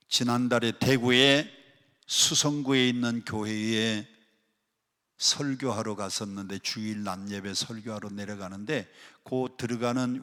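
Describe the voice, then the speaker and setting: A male pastor delivers a sermon in a medium-pitched voice, having the congregation repeat phrases after him. He swings between loud, emphatic rises and hushed, near-whispered drops. The sound carries the long reverb of a large worship hall. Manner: leads the congregation in call-and-response repetition. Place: worship hall of a prayer retreat.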